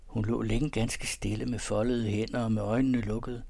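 A man calmly reading a romantic story aloud in a measured, softly expressive way. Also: on the low side, vocal fry. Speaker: narrator. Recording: dry close recording.

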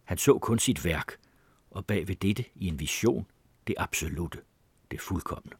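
A man narrating a memoir as an audiobook, in a measured, expressive reading. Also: deep voice, husky, dry recording.

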